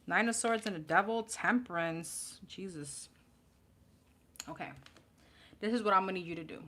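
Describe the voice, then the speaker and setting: A woman's voice: mid-range voice, a little fast, pushed and bright. Sassy New York tarot reader woman. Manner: blunt, sassy, laughing and chatty. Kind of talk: live tarot reading. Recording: audible background noise with card shuffling.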